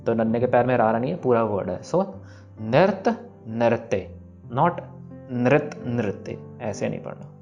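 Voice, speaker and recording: A man teaching scripture pronunciation, explaining briskly and then reciting each verse slowly and evenly. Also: mid-range voice. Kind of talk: pronunciation lesson with slow recitation. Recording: slightly dull recording, soft background music.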